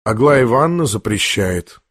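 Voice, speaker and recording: A man reading aloud voices a gentle, earnest young prince who reasons softly and mildly. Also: medium pitch, expressive, normal speed, slightly rough, no echo, studio quality, voice pushed down.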